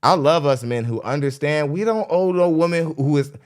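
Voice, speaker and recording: A man's voice: fairly high pitch, fairly quick, clear, resonant tone. A man hosting a podcast, giving live reaction commentary in a blunt, mocking, preachy way. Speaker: podcast host. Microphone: studio microphone.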